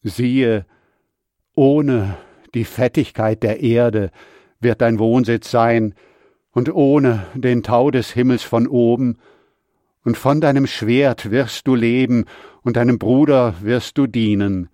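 A man voicing an old blind father who blesses his son in a solemn, measured scripture reading. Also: mid-range voice, steady tone, dark tone, no room sound, clean studio sound, close to an everyday voice.

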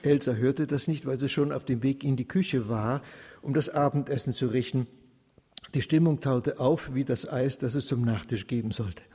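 Husky male story reader. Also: mid-range voice, moderate pace, dark tone. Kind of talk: reading a story aloud. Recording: long hall reverb.

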